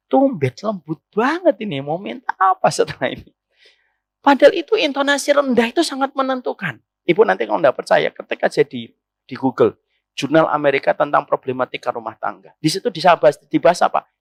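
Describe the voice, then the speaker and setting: A man's voice: extremely high pitch, vocal fry, no room sound. A man preaching an Islamic sermon to women, often putting rhetorical questions to his listeners.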